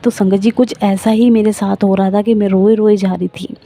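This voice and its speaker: A woman's voice: mid-range voice, flat delivery, normal speed, mellow, no room sound. A middle-aged woman earnestly telling the congregation her devotional testimony in an emotional storytelling manner. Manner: emotional, earnest storytelling, addresses listeners as sangat ji.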